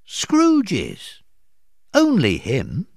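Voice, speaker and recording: Guy voicing a cheery kind young nephew, pitch jumping all over, slow and clear, dry sound. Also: huge pitch swings, no echo, full character voice. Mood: cheerful. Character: male kindly Cheerful nephew Fred.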